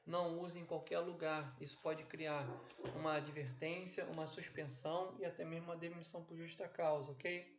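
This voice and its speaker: A man with a slightly high voice, teaching a class recorded at home. He speaks slowly and deliberately, stretching his phrases and checking in with listeners after nearly every point. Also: flat delivery. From Brazil. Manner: didactic, drawn-out phrasing with frequent "ok?" and "né?". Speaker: instructor. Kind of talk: online lecture. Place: home office. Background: background noise.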